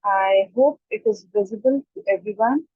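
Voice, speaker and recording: A woman teaching pronunciation in an online class. She repeats each word slowly and deliberately, mixing Hindi and as she explains. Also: mid-range voice, no room sound, narrow, tinny audio. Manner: slow, deliberate repetition of words to model pronunciation. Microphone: computer mic during a screen-shared online class.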